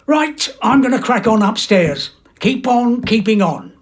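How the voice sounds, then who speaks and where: A man's voice: extremely high pitch, very animated, a little slow, full character voice. An actor playing a fussy, jolly and slightly pompous stepfather, keen on home restoration. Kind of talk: drama acting.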